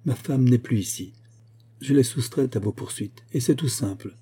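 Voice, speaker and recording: A man voicing a stern, commanding older husband in an audiobook reading, measured and cold. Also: mid-range voice, mellow, slightly rough. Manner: impérieux, measured.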